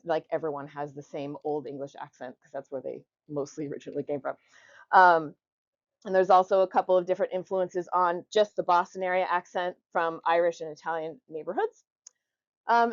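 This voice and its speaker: A woman's voice: on the low side, dry recording. Informal woman presenter, dry and slightly dull sound. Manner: jokey, conversational, demonstrating word pronunciations. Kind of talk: informal explanatory talk to a group.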